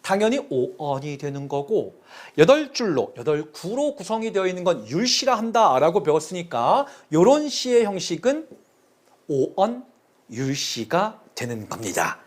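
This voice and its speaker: A man's voice: a little high, big pitch swings, unhurried. A man teaching a lesson, counting aloud and repeating key terms in a sing-song way to help students remember. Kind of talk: classroom lecture on Chinese poetry.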